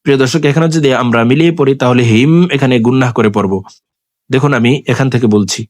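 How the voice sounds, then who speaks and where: A man teaching scripture reading who spells out each word, then chants it in a slow, drawn-out way between brisk explanations to his viewers. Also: mid-range voice, dry recording, clean studio sound. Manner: addresses viewers directly. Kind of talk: spelling-out recitation lesson.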